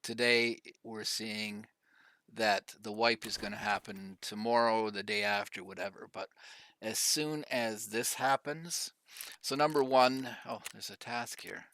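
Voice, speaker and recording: Man, middle-aged, slightly coughy, bright forceful voice, low-ish pitch, rambling casual game commentary. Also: measured pace. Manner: rambling, many fillers, coughing now and then. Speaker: gaming YouTuber.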